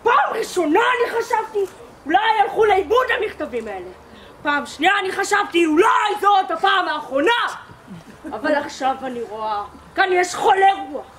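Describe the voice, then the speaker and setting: A woman's voice: high-pitched, very animated, hardly any pauses. A young woman in an amateur school stage play, acting a scornful, exasperated army commander who barks at her soldiers. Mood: scornful, accusing. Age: teen or young adult. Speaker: student actor. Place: school theatre hall. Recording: noisy live stage recording.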